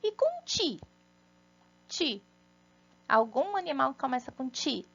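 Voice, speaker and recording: Brazilian woman, first-grade teacher, slow and patient, sing-song delivery, slightly high, dull lo-fi sound. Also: very animated, vocal fry, fairly bright tone. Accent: Brazilian Portuguese. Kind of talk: recorded remote lesson for young children.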